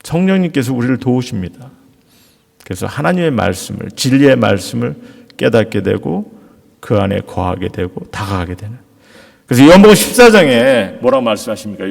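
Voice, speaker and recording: In a church sanctuary, a middle-aged male pastor preaches with a lively, medium-pitched voice that rises and falls and has a gravelly edge. He speaks earnestly, putting rhetorical questions to the congregation. His words fade into the long reverb of the church hall.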